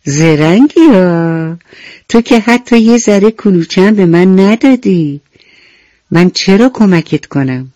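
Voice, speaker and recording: A woman voicing a mouse with glasses in a children's radio bedtime story, speaking in a high, reproachful voice. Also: animated, warm tone, no echo, natural voice, poor audio. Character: bespectacled mouse, scolding and sulky.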